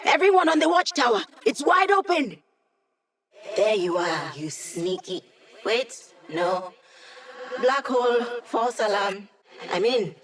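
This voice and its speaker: Video game support role: young female hacker living as data, wry, casual and teasing, upbeat, medium pitch. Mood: urgent, encouraging. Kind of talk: video game voice lines over comms.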